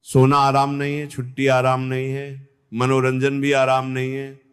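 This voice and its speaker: Slow, measured man giving a spiritual talk. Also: mid-range voice, monotone, a bit bright, clear, resonant tone. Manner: measured, repetitive, addresses the listener directly with questions. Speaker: spiritual teacher. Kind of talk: spiritual discourse.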